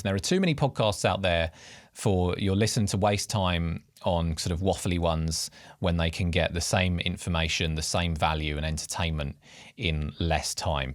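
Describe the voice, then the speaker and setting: This podcast production tips presenter delivers scripted narration in a casual, explanatory style, emphasizing key headings. His voice sits low, and the clean studio recording has no room sound.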